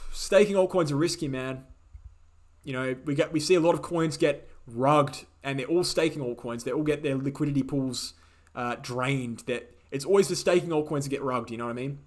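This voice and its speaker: A man hosts a casual livestream Q&A, answering viewer questions in an opinionated, laid-back way and repeating key phrases for emphasis. His mid-range voice is slightly croaky, and he speaks at a moderate pace.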